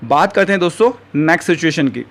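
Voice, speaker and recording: A man teaches a spoken lesson at a brisk, rapid clip. His voice sits a little higher than most men's, and he keeps calling his viewers friends. He slows right down whenever he gives an example sentence. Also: expressive, fairly bright tone. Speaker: English teacher.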